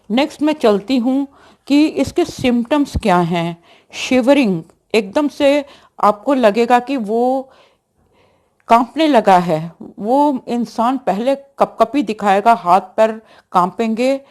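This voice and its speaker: A woman homeopathic doctor gives a health lesson, explaining deliberately and mixing in English medical terms. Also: on the high side, a little mellow.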